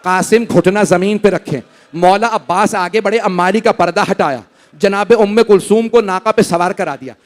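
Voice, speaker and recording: High-voiced man chanting a grieving sermon. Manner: chanted, grieving delivery rising to loud, drawn-out wails; addresses the gathering directly. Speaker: cleric. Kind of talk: Muharram majlis sermon with lament recitation.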